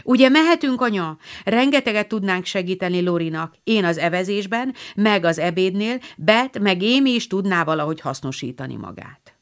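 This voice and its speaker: A woman reading an audiobook, voicing an eager, tomboyish teenage girl in a lively, exclamatory way. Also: lowish voice, few pauses.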